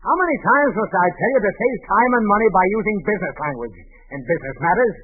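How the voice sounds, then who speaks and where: A man plays a blustery, demanding boss in the style of 1940s radio comedy, barking pompously at his bumbling employee in exasperation. His high voice is expressive, slightly rough, and rapid, heard through a tinny, band-limited 1940s radio recording.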